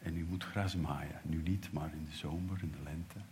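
A man's voice: very deep voice, fairly even intonation, moderate pace, darkish tone, big-room sound, a little hiss or hum. A man preaching a sermon, telling a story with acted quotes and dropping at times to a whisper.

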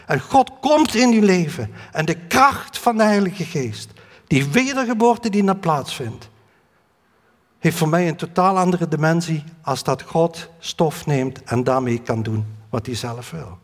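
A man with a high voice preaches earnestly, often stumbling and restarting mid-sentence. His words ring out with a long reverb, as if in a church hall. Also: lively intonation. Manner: earnest, halting with many fillers and restarts. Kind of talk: sermon.

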